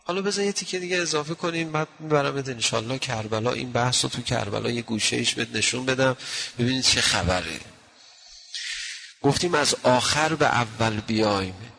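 A man giving a religious sermon, telling stories and swinging from quiet to loud. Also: medium pitch, vocal fry. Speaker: preacher. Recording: long hall reverb.

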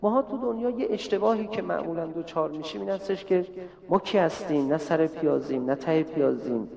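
High-voiced preacher in an echoing hall. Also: male voice, vocal fry, crowd noise. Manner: swings between raised and hushed voice. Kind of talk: sermon. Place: religious gathering hall. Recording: dull lo-fi with long hall reverb.

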